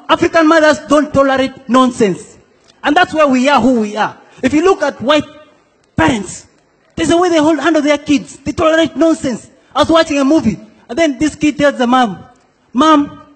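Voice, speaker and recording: On a comedy stage in a large hall, with a laughing audience, a young stand-up comedian from South Sudan delivers his set, playfully voicing the characters he quotes. His voice sits very high for a man, fairly bright in tone at a moderate pace, carrying the long echo of the big room.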